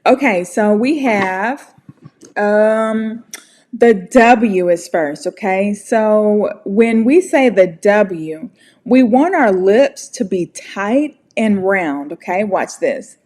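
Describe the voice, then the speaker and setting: An American woman gives a casual online English pronunciation lesson, friendly and encouraging, speaking slowly and deliberately. Her medium-pitched voice is animated with a darkish tone.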